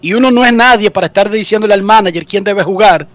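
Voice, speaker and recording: A high-voiced man with a Dominican accent hosts a sports call-in show, lively and joking. He talks fast and playfully. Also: no room sound. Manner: joking, theatrical mock sobbing. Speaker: sports radio host. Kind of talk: comic sports talk radio.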